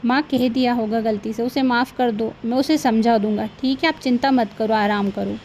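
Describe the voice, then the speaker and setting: A woman's voice: on the high side, steady tone, normal speed, darkish tone, a little hiss or hum, natural voice. A woman voicing a grown son in a cartoon, speaking in a firm, stern manner. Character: grown son, firm and loyal to his mother.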